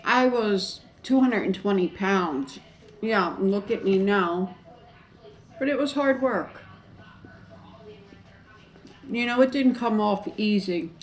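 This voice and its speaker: A middle-aged woman chatting casually to viewers on an eating show, chewing while talking, in a halting way with pauses. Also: mid-range voice, lively intonation. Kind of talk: casual mukbang chat to viewers.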